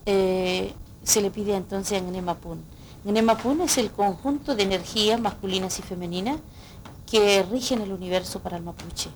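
Woman, radio interview guest, reflective, explanatory, medium pitch. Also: moderate pace, slight background noise. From Chile. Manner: explanatory, reflective, frequent "¿no?" tags. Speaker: guest singer.

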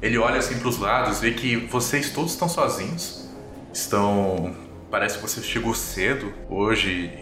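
A Brazilian-accented man with a lowish voice improvises as a tabletop RPG game master, building scenes bit by bit at a moderate pace. The recording has a roomy echo with background music playing underneath.

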